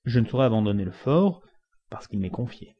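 A man's voice: medium pitch, sing-song, a little fast, breathy edge. A man reading the part of a stern, dutiful army captain. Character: stern male army captain commanding a fort. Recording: dull lo-fi recording.

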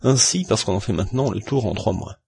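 A man reading an excitable English gentleman gambler in an audiobook, in an insistent, heated manner. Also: fairly low pitch, brisk, vocal fry, slightly rough, no room sound, clean studio sound, heavily acted. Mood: skeptical.

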